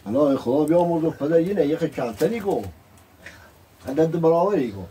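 A man's voice: on the high side, lively intonation. A man in casual back-and-forth chat while doing chores in a rural home. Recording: clear background noise.

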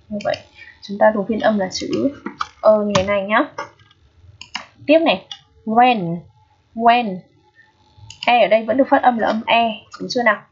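A woman's voice: mid-range voice, breathy edge. A woman teaching an English exam review lesson, patient and repetitive, often checking that students understand. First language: Vietnamese. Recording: dull lo-fi recording.

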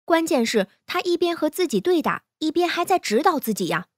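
A woman reading fan fiction aloud in a smooth, even storytelling manner. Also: sits high, a little fast, no echo, studio quality.

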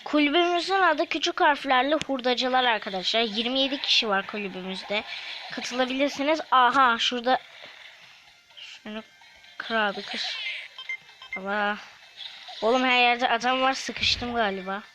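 A woman's voice: a little high, pushed and bright, rough recording. A woman hosting a gaming channel, commentating her play in a chatty manner and snapping at opponents. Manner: chatty, quick to snap at opponents. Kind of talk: game commentary. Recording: faint background noise.

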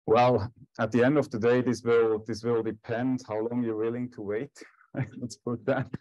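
A man's voice: mid-range voice, flat delivery, normal speed, darkish tone, no echo, highs cut off. A man giving a technical talk and answering questions as a scientist at a conference. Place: conference lecture room.

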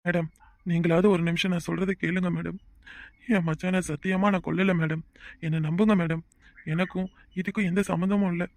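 A man's voice: very high voice, steady tone, a little fast, no room sound. Man voicing a begging cartoon husband. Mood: pleading. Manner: begging, pleading. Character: accused young husband pleading innocence. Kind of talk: cartoon family drama voice acting.

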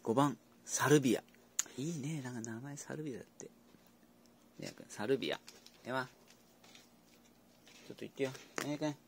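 A man's voice: mid-range voice, animated, normal speed, creaky, long pauses, slight background noise. Playful man coaxing his dogs. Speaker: vlogger predicting a horse race with his dogs. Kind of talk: casual chat to pets.

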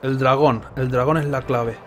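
A man's voice: mid-range voice, steady tone, normal speed. A man in his thirties with a Spain accent, giving casual, sarcastic, rambling commentary as he plays a game. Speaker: video game streamer. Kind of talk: casual live gameplay commentary. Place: indoors, streaming setup. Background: game music and effects.

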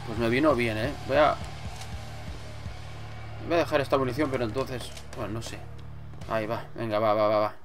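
A man from Spain with a Spanish accent and a medium-pitched voice. He gives casual let's play commentary, muttering and swearing to himself, with game music faintly behind him. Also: fairly even intonation, moderate pace, pauses often. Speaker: gamer, let's player.

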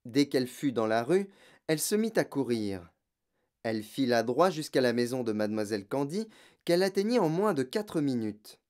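Expressive audiobook narrator with lively pitch. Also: moderate pace. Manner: expressive storytelling.

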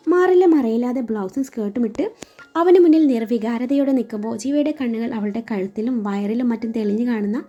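A woman storyteller reading a romance story aloud in a soft, even narrating voice. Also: a little high. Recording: slightly dull audio, faint music.

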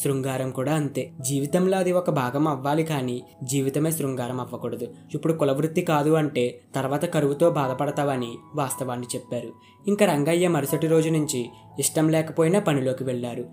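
A man giving a scripted, even-paced story narration as storyteller. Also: fairly high pitch, a little fast. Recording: narration over faint guitar music. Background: faint guitar music.

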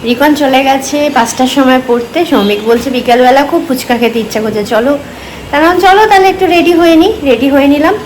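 A woman's voice: high-pitched, fast, darkish tone, slight background noise, low-quality recording. A woman, chatting casually through a home vlog, rambling with many fillers. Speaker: vlogger.

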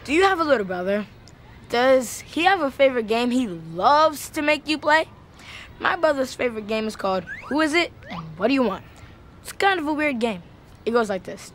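A woman telling a story to children. She is chatty and animated, with a fairly high voice and faint room noise behind her. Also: normal speed. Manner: chatty, animated with acted quotes.

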